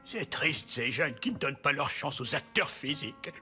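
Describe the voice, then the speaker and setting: An actor playing a washed-up, wistful former stage actor in an animated comedy. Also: mid-range voice, moderate pace, faint music behind. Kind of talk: French animated comedy dub.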